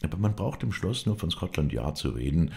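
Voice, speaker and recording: Man reading a rambling young aristocrat, gravelly and very low, lively lilt. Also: fairly quick, heavily acted. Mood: chatty. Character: young nervous talkative English lord.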